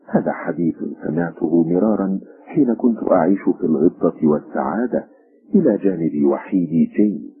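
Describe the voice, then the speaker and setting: A man's voice: sits low, lively intonation, slightly rough, narrow, tinny audio, heavily acted. Man voicing a grieving old mother. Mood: quiet, firm. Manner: sorrowful, halting speech. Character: grieving elderly mother, a painter's widow.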